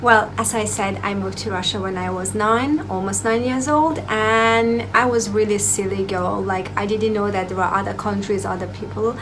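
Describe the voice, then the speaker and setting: A young woman from Azerbaijan, a vlogger, tells her own story to camera in a casual, playful, self-mocking way, using non-native English phrasing. Her mid-range voice keeps fairly even intonation at a moderate pace with few pauses. Music plays underneath, and the recording quality is low.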